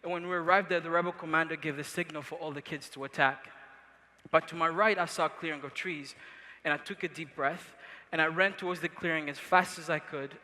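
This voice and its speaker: A man's voice: fairly high pitch, steady tone, fairly quick, sharp tone. A young man from Congo giving an earnest motivational speech to a large live audience. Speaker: event speaker. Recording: reverberant large arena.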